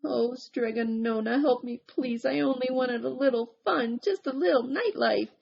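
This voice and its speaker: A woman voicing a foolish young village man who pleads and panics in an excitable way. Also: high-pitched, normal speed, vocal fry, husky, dull audio, voice pushed up, full character voice. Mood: pleading.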